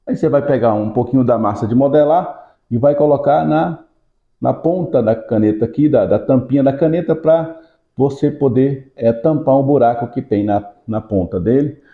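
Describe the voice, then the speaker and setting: Over reverberant, phone-quality audio, a man who is a pastor speaks at a normal pace while leading a Sunday school lesson built around a hands-on demonstration. He explains each step, checks in with those listening, and lifts his pitch into rhythmic commands as he casts out.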